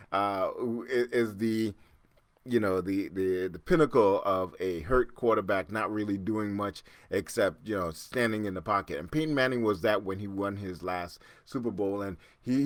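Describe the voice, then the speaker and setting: A man in his fifties hosting a casual solo podcast, rambling and chatty, with asides and quick laughs. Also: mid-range voice, fairly bright tone, no echo, studio quality. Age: 50s. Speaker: podcast host.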